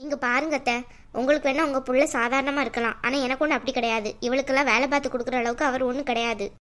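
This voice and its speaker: A sharp-tongued young wife in a cartoon family drama, acted by a woman. Her voice sits high and bright, and she argues with indignant bite. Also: steady tone, fast talker.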